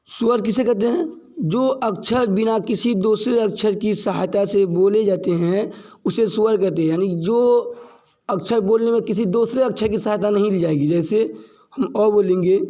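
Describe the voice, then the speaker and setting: A man teaching a grammar lesson slowly and deliberately, repeating each point and asking questions that he answers himself. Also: high-pitched, dark tone. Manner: slow and deliberate, stressing key terms.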